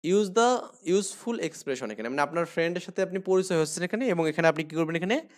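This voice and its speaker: Fairly high-pitched male teacher. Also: lively intonation, fairly quick. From Bangladesh. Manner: explains word meanings, repeats "here" and "okay?" often. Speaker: English teacher. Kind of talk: online class lesson.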